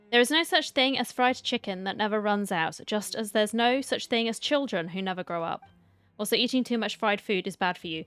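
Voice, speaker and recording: A woman streamer does casual let's-play commentary, chatting away and talking back to the game while its music plays behind her. Her medium-pitched voice is smooth with a fairly bright tone, in a dry recording.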